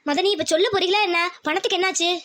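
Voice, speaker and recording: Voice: very high-pitched, fairly even intonation, quick pace. A performer voicing a nosy, nagging older village aunt in a cartoon. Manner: loud, nagging, money-minded. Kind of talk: cartoon voice acting.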